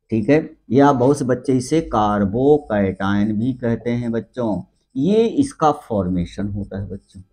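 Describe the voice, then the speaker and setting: A man's voice: medium pitch, warm tone. A man teaching a chemistry class in Hindi with English terms mixed in, often addressing the students as children and answering his own questions. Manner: keeps calling the students "बच्चों"; repeats key terms with rising and falling emphasis. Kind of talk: classroom lecture.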